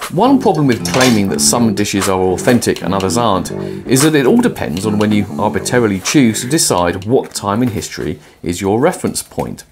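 A middle-aged man talks through a cooking and philosophy film from his home kitchen, clipped to a lapel mic. His low voice rises and falls a lot as he explains his ideas with thoughtful energy. A soft hiss sits under his voice. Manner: thoughtful, lively explanatory delivery. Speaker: host.

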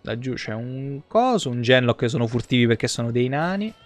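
An Italian game streamer gives casual, slangy live commentary on his gameplay from an indoor streaming room. His mid-range voice is expressive and a little fast, with soft music playing behind him.

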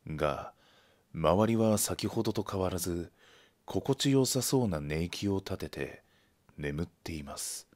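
A man narrating a scripted ghost story in a measured, hushed storytelling manner. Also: low-pitched, expressive.

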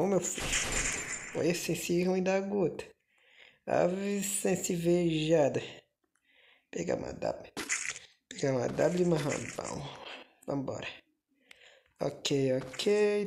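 A woman streaming a mobile shooter live, keeping her voice down but cursing and groaning excitedly at missed shots. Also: low-pitched, vocal fry. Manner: keeps voice down, can't narrate loudly. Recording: noisy stream audio with mic clicks.

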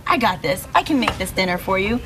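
A woman's voice: mid-range voice, lively intonation, quick pace, background noise. A woman hosting a TV cooking segment, bubbly and enthusiastic as she asks her guests questions. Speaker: TV host. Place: TV studio kitchen set.

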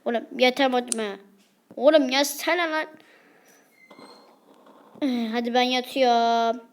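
A woman's voice: on the high side, takes it slowly, smooth. A woman improvising a game role-play video with rowdy, slangy banter. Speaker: video creator voicing game characters.

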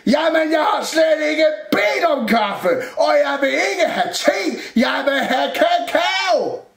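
A man voicing a small, grumpy male Christmas elf who shouts in a high, irritable voice. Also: very animated. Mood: shouting angrily. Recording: roomy echo.

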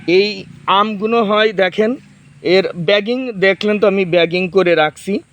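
Out in a garden, a man in his thirties from Bangladesh, who runs a farming vlog, shows off fruit and tells his children what to do in a relaxed chat. His voice is high-pitched and measured, with no room sound and the highs cut off.

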